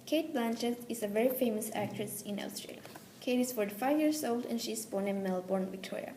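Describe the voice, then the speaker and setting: A woman's voice: on the high side, fairly quick, warm tone. A teenage girl with a Swedish accent carefully reads a school presentation in English. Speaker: student presenter. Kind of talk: school presentation read aloud. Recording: echoey room with faint hiss.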